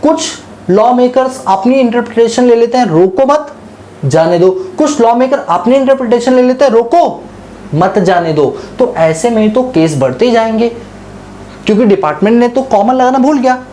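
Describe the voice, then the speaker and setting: A man teaching a tax lecture who asks his class questions and answers them himself. He mixes English terms into his Hindi and slows down to read quoted passages. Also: very high-pitched, dark tone, slight background noise. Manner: reads quotes slowly and deliberately.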